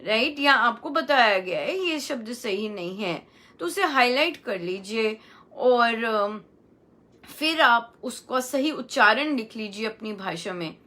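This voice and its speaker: A middle-aged woman giving a devotional talk on pronouncing chants, repeating each word slowly and mixing English words into her Hindi. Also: on the high side, animated, pushed and bright. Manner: slow, repeats words carefully for pronunciation. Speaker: satsang speaker. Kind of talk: devotional teaching on chanting pronunciation.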